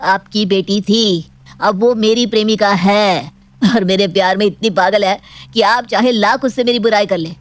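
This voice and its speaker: A woman's voice: medium pitch, a little fast, natural voice. A woman playing a smug, greedy young man. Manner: smug, cheeky, mocking. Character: cocky greedy jobless young man, brash. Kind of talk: animated storybook voice acting.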